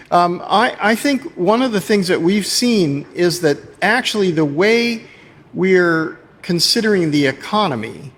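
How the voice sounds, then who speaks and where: A man's voice: a little high, fairly bright tone, slight background noise. A man moderating a panel, speaking in a thoughtful way and often restarting his sentences. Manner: slow, thoughtful, with repeated restarts. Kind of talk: panel discussion remarks. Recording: hall reverb with faint ambience.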